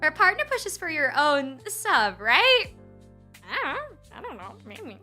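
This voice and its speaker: A woman's voice: high-pitched, sing-song, measured pace, bright, forceful tone, faint music behind. A woman streaming live and chatting with her viewers in a giggly, rambling way, laughing often and restarting her sentences, close to the mic. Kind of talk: casual livestream chat with viewers. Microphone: close desk mic.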